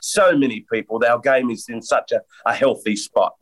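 A man co-hosts a podcast, joking around in a casual, blunt way at a moderate pace and medium pitch. He is a golf commentator, and his stuffy, congested nose makes him sound nasal and blocked up.

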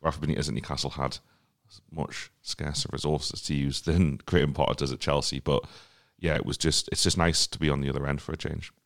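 Host role: man with a very low, gravelly voice who pauses and restarts as he talks. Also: flat delivery, a bit bright. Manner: halting, searches for words. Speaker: podcast host. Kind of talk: casual football podcast chat.

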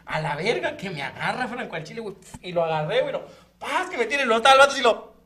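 A Mexican man with a high, bright voice rattles through a story at a fast clip. He is a podcast co-host in casual chat, rowdy, profane and breaking into laughter often. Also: expressive, slightly rough. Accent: Mexican Spanish.

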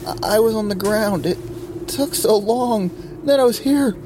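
A woman playing the frightened, anguished ghost of a bombing victim in an audio drama, speaking haltingly. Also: on the high side, noisy background, lightly acted. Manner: halting, distraught.

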